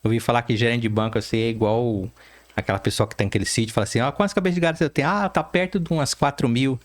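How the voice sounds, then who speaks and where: A man's voice: medium pitch, rapid-fire. A man hosting a podcast, asking questions in a joking, teasing way. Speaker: podcast host. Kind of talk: casual interview talk.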